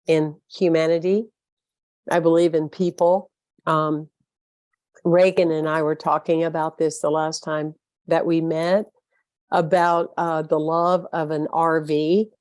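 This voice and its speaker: A woman's voice: low voice, a little mellow, dry recording. A woman with a Southern American accent giving an earnest, uplifting inspirational talk as a spiritual speaker.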